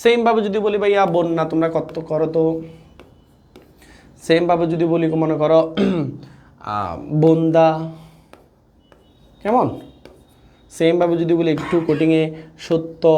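A man's voice: on the high side, a little mellow. A man teaching a live online class, coaxing his students, repeating key points and checking often that they follow.

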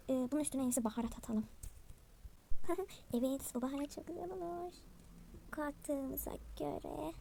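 A woman's voice: sits high, vocal fry, warm tone, a little hiss or hum. A young woman playfully narrating a dollhouse game and voicing all the characters herself. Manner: voices several characters by herself, chatty. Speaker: channel host playing a dollhouse game.

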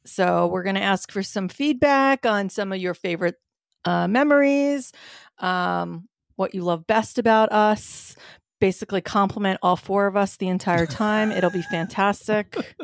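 A woman's voice: mid-range voice, a little slow, vocal fry, no echo. Woman, podcast co-host, casual chat, filler-heavy, dry close sound. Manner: chatty, animated, many fillers. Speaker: podcast co-host, race organizer.

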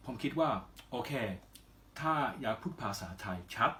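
Foreigner speaking careful, halting Thai, male. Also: mid-range voice, animated, pushed and bright. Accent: foreign (Western) accent in Thai. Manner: careful non-native Thai in short halting phrases with polite particles. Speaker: interview guest, singer. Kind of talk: casual interview answers.

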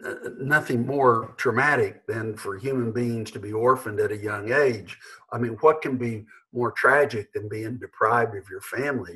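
A man in his sixties, a pastor, delivering an earnest, measured sermon from his living room into a webcam. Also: medium pitch, sharp tone, low-quality recording. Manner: earnest, measured, with emphatic slowed phrases. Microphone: webcam at desk.

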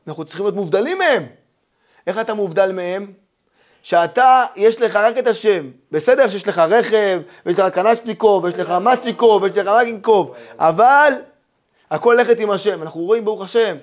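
A rabbi preaches a Torah lesson in an unusually high voice for a man. He is animated and emphatic, swinging from loud declarations to hushed asides. He tells stories and fires off rhetorical questions to the audience. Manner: storytelling, with many rhetorical questions.

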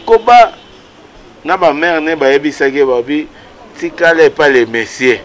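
Outdoors by a wall, an animated man in his thirties with a Congolese accent gives a casual interview, gesturing with his hands and mixing Lingala and French. He talks at a moderate pace in a fairly high voice, with slight background noise.

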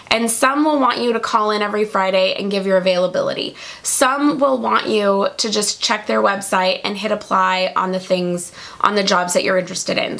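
A woman's voice: fairly high pitch, gravelly, fairly bright tone. A woman hosting a career advice video, talking straight to her viewers in an upbeat, encouraging way and acting out sample phrases to say to employers. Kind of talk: direct-to-camera advice talk.

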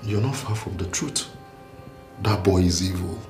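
An actor playing an imprisoned prince, earnest and pleading. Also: male voice, deep voice, lively intonation, normal speed. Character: jailed young prince, anxious to save his father. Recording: echoey cell with music.

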